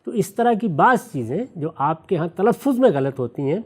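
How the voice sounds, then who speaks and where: Lively-voiced male scholar explaining methodically. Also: high voice, breathy edge. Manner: measured, methodical teaching with worked examples; recites scripture verses slowly and deliberately. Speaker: religious scholar. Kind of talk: explanatory discussion answering questions.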